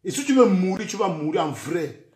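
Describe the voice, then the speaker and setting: Cameroonian man, Camfranglais-laced French, high voice, menacing social-media rant in a roomy echo. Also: big pitch swings, brisk, a little mellow, slight background noise. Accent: Cameroonian French, mixing in Camfranglais. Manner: threatening, heated, keeps repeating "man" and "vrai".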